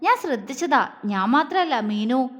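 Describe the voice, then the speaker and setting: A cheeky young wife voiced by a woman storyteller, pouting and coaxing as she chatters on. Her voice is bright and high, with a long reverb trailing behind it. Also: expressive, measured pace. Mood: playful.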